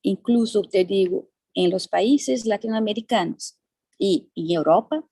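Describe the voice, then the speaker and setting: A Brazilian woman with a Brazilian Portuguese accent speaks as a panelist in a panel discussion, often repeating words while searching for them. Her mid-range voice is unhurried and warm with a breathy edge, captured in studio quality with no echo.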